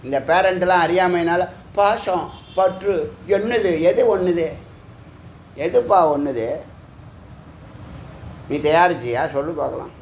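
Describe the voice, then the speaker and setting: Man, spiritual teacher, rhetorical scolding, fairly high voice, echoey room. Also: unhurried, pauses often. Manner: scolding rhetorical questions, teasing. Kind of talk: Tamil discourse on scripture. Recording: echoey room, faint background noise.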